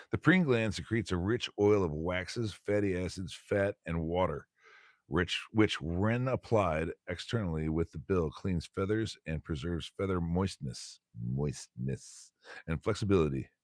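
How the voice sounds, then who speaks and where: A man's voice: sits low, unhurried, no echo, clean studio sound. A man hosting a solo stream, reading a bird textbook aloud with casual, rambling commentary, laughing often and stumbling over words.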